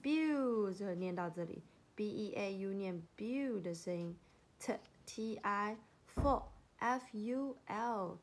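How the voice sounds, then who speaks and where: A woman teaching English from a picture book, reading lines slowly and repeating each word several times as she sounds it out, with quick explanations in between. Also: mid-range voice, lively intonation. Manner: slow, drawn-out English words, quick asides in Chinese. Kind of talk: bilingual phonics lesson, reading aloud.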